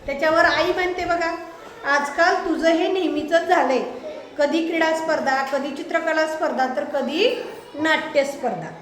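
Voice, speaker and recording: A woman's voice: high-pitched, moderate pace, a bit bright. A woman schoolteacher giving a classroom lesson, asking her pupils check questions again and again. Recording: roomy echoey classroom.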